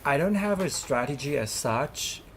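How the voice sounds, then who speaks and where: With a slightly high, animated voice at a measured pace, a young Thai-speaking student representative responds earnestly in an interview, using many fillers and restarts. Slight background noise is present.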